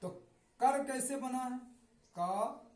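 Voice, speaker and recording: A man teaching Hindi reading, who explains each letter slowly and says each word several times over so learners can drill it. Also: very high-pitched, a little mellow, reverberant. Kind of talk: classroom-style explanation.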